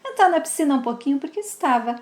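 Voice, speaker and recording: A woman's voice: high voice, lively intonation, fast talker, darkish tone. A woman casually retelling a soap opera episode, speaking of the characters with fond, pitying diminutives. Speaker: narrator of soap opera recaps. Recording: roomy echo.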